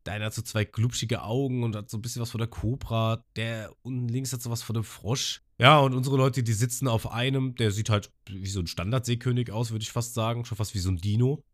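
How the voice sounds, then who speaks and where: A man's voice: medium pitch, a little fast, few pauses. A man hosting a podcast, casually retelling an episode and breaking into characters' lines with a raised voice. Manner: lively storyteller, quotes characters in a raised voice. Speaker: podcast host recapping episodes.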